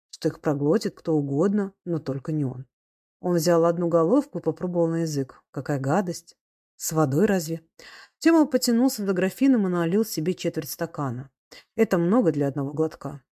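A woman narrating classic prose as an audiobook, measured and expressive. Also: fairly low pitch.

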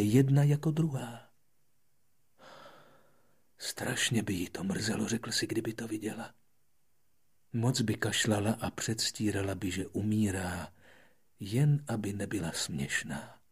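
A man narrating an audiobook fairy tale in an expressive storytelling manner, moving between soft and lively passages. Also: lowish voice, pauses often, slightly rough.

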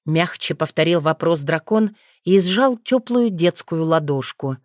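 A woman with a low voice reads a fantasy novel aloud as an audiobook. Her telling is even and measured. The recording is dry and close. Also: dry recording. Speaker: narrator. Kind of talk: audiobook narration.

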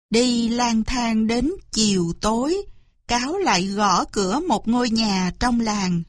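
A woman narrating a children's story in a gentle, clear reading voice. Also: a little high, slow, no echo, studio quality.

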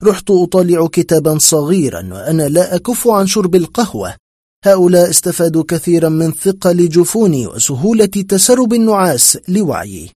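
A man's voice: sits high, big pitch swings, fairly quick, dark tone, slightly rough, no room sound, studio quality. A man narrating a horror story in scripted form, with a tense, dramatic telling.

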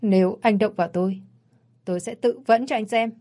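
A woman's voice: medium pitch, steady tone, a little fast, warm tone, natural voice. A woman voicing a frightened but stubborn young woman, pleading and defiant, in a read-aloud story. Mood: scared, pleading.

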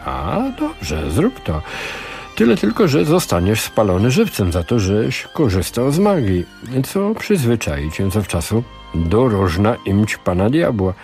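A man voicing a scheming older male sorcerer who lectures in a slow, measured way. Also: on the low side, very animated, darkish tone, soft background music. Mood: mocking.

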